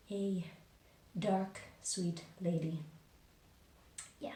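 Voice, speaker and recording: A woman's voice: mid-range voice, recorded from a distance. A woman vlogger chatting casually and rambling with many fillers, recorded in a small echoey bathroom. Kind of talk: casual catch-up chat. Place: small home bathroom with echo. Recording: echoey bathroom, voice a bit off-mic.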